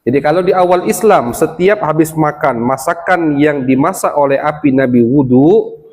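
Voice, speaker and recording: A man's voice: a little high, a little mellow. A male religious teacher giving a study lecture, quoting Arabic passages and explaining each in plain terms. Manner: explains slowly, quotes Arabic text then translates. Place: village gathering hall. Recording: long hall reverb.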